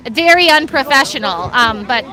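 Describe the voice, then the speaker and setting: A woman's voice: high voice, animated, normal speed. A woman being interviewed outdoors at a protest, speaking modestly and a little hesitantly. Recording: crowd noise behind.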